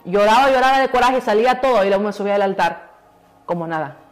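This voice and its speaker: Woman, pastor's daughter guest; earnest preachy testimony, repeats for emphasis, soft music faintly underneath. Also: medium pitch, animated, fast talker. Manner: mixes in English words. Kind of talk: emotional testimony in a church interview.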